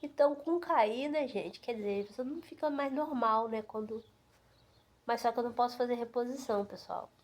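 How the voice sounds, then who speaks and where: A woman's voice: on the high side, normal speed. A woman in her fifties chatting to camera from home, with lots of fillers and asides to her viewers. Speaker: vlogger. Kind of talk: casual chat to camera.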